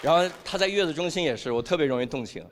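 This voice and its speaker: A man performing a stand-up comedy routine on stage, animated and acting out the voices he quotes. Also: on the high side, racing, a faint crowd, a little hiss or hum. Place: comedy stage before a live audience.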